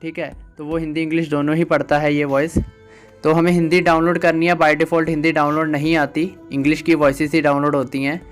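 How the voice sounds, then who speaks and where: A man giving a patient, step-by-step tutorial on phone settings, pausing with "ah" as he explains each option. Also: on the high side, little pitch movement, soft background music. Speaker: tech tutor.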